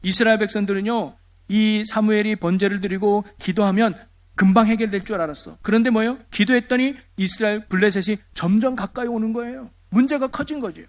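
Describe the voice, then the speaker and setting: A man's voice: high voice, a little fast. A middle-aged man preaching a sermon as pastor, telling stories with animation and asking the congregation rhetorical questions.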